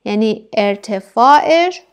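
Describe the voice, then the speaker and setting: A woman teaching German to Persian speakers. She says the German words slowly and carefully, then explains them quickly. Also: a little high, lively intonation.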